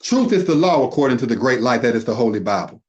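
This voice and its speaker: A man's voice: mid-range voice, big pitch swings, fast talker, darkish tone. A man, a podcast guest, delivering an impassioned religious warning full of rhetorical questions and emphatic repetition. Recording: dull lo-fi audio.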